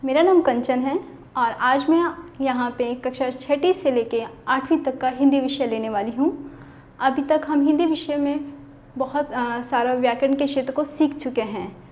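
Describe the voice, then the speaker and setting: A woman with a high, light voice and an Indian accent, teaching a school lesson for children. She is patient and spells each word out syllable by syllable, putting questions to the class and then answering them herself. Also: a little mellow. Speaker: Hindi teacher.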